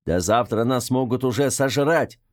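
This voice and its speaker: A man voicing a gruff, exasperated man with a hoarse voice, calling through a door. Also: mid-range voice, moderate pace, darkish tone, pitched above the performer's own voice, lightly acted.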